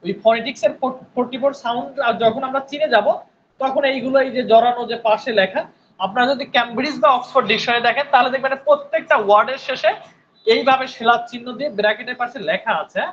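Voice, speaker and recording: A man's voice: very high voice, fairly even intonation, quick pace, fairly bright tone, dull audio, slight background noise. A male English teacher giving an online spoken English class, patiently repeating words and often checking in with his students.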